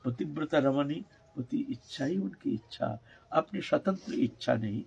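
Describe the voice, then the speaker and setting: An older man giving a devotional storytelling discourse as a spiritual teacher, emphatic, with drawn-out phrases and frequent "hain" tags. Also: on the high side, lively intonation, creaky, a little mellow, slightly rough.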